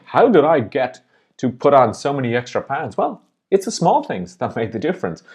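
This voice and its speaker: Upbeat man with a lively voice. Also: fairly high pitch. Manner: upbeat, encouraging, smiling as he speaks. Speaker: life and business coach, host. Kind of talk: motivational video talk.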